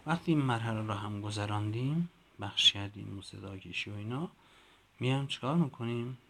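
A man training teachers, patiently explaining a reading lesson and slowly repeating letters and sounds. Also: lowish voice, gravelly, fairly bright tone. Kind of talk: instructional talk to teachers.

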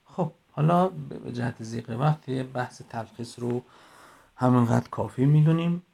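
A middle-aged man teaches a lesson into a phone for a voice message. His voice is heavily gravelly and a little husky. He explains patiently and works through his examples one by one. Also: mid-range voice, warm tone. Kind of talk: recorded lecture.

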